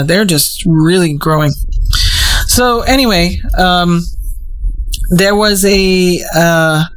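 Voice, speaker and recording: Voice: medium pitch, a little hiss or hum, poor audio. A host from Trinidad and Tobago giving a casual explainer monologue, meandering and digressive as they think aloud.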